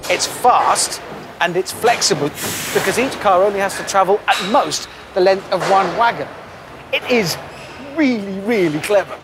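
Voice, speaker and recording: Here a high-voiced Englishman in his forties, playful and quick to get excited, reports enthusiastically from a factory, both inside its vast hall and out at the rail yard. He talks at a normal speed against a noisy background.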